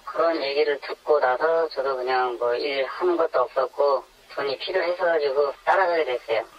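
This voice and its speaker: At medium pitch and normal speed, a man in his twenties relates what it was like to be an anonymous interviewee on a phone call. His voice is electronically disguised and comes across a dull, narrow phone line on radio.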